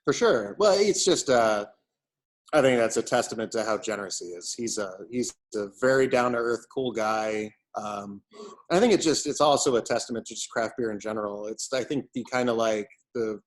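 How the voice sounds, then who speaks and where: A man's voice: on the low side, expressive, normal speed. A man giving a casual interview as a brewery owner, talking in a loose, rambling, conversational way. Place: at his brewery.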